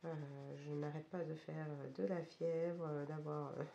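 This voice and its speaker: A woman chatting casually in a craft vlog, her voice hoarse and cracked from a cold. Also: sits low, level tone, measured pace, mellow, muffled recording. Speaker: craft vlogger. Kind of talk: casual vlog chat about colouring. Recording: roomy echo, faint background noise.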